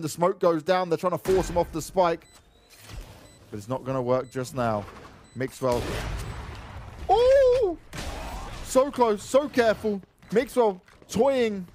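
A man's voice: high voice, normal speed, background noise. A man giving dramatic live commentary on an esports match.

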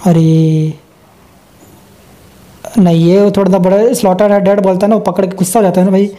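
A man's voice: high-pitched, level tone, normal speed, mellow. A young man giving casual, joking commentary over gameplay and talking to himself as he plays. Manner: chatty, joking, talks to himself.

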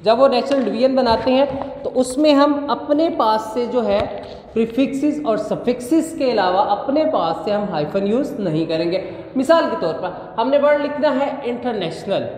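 A woman from Pakistan, teaching a grammar lesson online. She explains step by step, asks the class questions, answers them herself, and reads the English examples slowly and carefully. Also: a little high, expressive, a little mellow, slight background noise. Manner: slow, careful reading of English example sentences. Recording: echoey room with long reverb.

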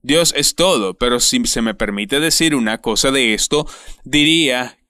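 A man preaching a sermon in a deliberate, emphatic way, dwelling on repeated words. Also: mid-range voice, pushed and bright, dry recording, clean studio sound. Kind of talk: sermon voice-over.

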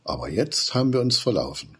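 A man reading aloud and voicing an excited young male gnome child, in an eager, breathless manner. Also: fairly low pitch, brisk, husky, pitched above the performer's own voice, heavily acted. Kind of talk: storybook reading.

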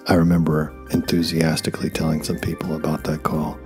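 Male narrator, forties, extremely low register, dry self-deprecating documentary read over faint music. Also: monotone, a little fast. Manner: wry, self-deprecating asides. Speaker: YouTube narrator.

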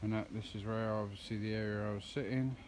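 On the low side and fairly even in intonation, a man talks at a quick pace while vlogging outdoors around a woodland campsite and path. His casual narration rambles with many ums and a chatty feel. The phone camera, held at arm's length, records outdoor audio with clear background noise.

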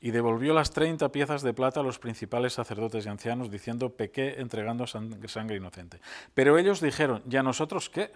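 A middle-aged man, preaching a sermon as pastor in a conversational way, with fillers and slow emphatic phrases. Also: medium pitch. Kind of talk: sermon with storytelling.

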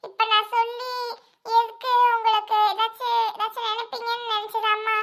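A high-voiced performer doing a young man on the phone. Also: level tone, moderate pace, a bit bright. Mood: apologetic. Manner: pleading, explains in a rush with hesitant "ah"s. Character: young adult son phoning his mother, apologetic. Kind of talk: amateur voice drama.

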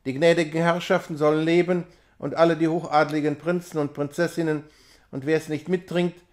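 A man's voice: a little high, flat delivery, a little fast, a little mellow, natural voice. A man reading a classic novella aloud, voicing a proud, boastful young male peasant in a commanding tone. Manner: commanding, swaggering.

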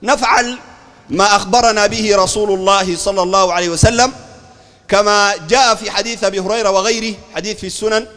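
A man with a Sudanese Arabic accent preaches bluntly and combatively, his voice high-pitched and his delivery rapid. A long reverb trails his words through a large hall. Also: fairly even intonation, bright, forceful tone. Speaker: sheikh preacher. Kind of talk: sermon and discussion talk.

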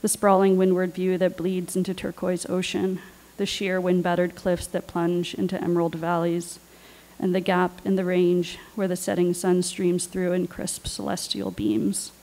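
A woman on a panel, reading her own personal essay aloud in a measured, deliberate way. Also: lowish voice, completely flat delivery, darkish tone, rough recording. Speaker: writer and panelist.

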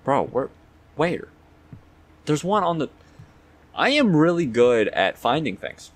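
A young guy streaming a horror game. His pitch jumps around as he reacts like a jittery, scared player, talking to himself in casual slang. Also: big pitch swings, takes it slowly, a little hiss or hum. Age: young adult. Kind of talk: casual gameplay commentary.

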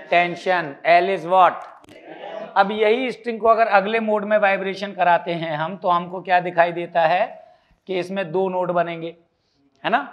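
A man's voice: sits high, highs cut off. A man from India teaching a physics class, quizzing students with repeated questions and teasing asides, mixing English terms into Hindi. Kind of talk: classroom lecture.

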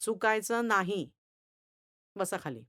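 A woman voicing a stern, irritable male schoolteacher who scolds and lectures loudly in a read-aloud story. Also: mid-range voice, lively intonation, slow, dry recording, clean studio sound. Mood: firm. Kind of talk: storytelling reading.

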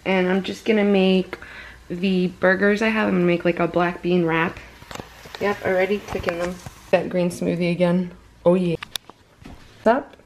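This casual daily vlog features a young woman talking to a handheld camera, rambling chattily and filling her speech with "like" and "um." Her lowish voice is flat, at a moderate pace with long pauses, and the audio is poor with slight background noise.

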